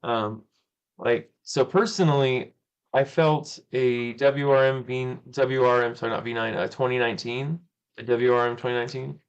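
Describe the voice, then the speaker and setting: A man's voice: mid-range voice, steady tone, moderate pace, smooth, highs cut off. A man hosting a live stream, chatting casually and rambling, often correcting himself and laughing. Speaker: cubing channel host.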